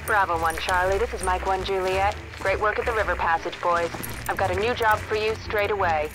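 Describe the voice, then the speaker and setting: A brisk army commander issuing orders over a walkie-talkie. His voice sits fairly high and comes through distant, as over a radio. Game music plays underneath his crisp, call-sign style. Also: fairly even intonation. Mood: businesslike.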